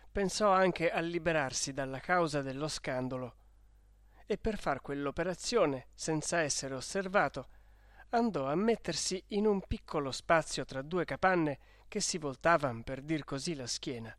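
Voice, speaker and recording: A man narrating a classic novel in a measured, expressive audiobook reading. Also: on the high side, dry recording, clean studio sound.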